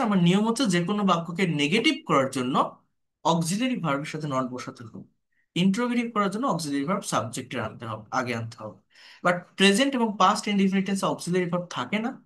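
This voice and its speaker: A man with a Bengali accent teaching English grammar, speaking slowly and patiently and repeating example sentences. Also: high-pitched, a bit bright. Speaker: English tutor. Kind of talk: spoken grammar lesson.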